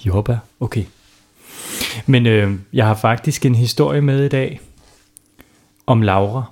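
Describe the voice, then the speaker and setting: A man's voice: mid-range voice, darkish tone. A man telling a bedtime story to children in a playful way, stopping to ask them questions.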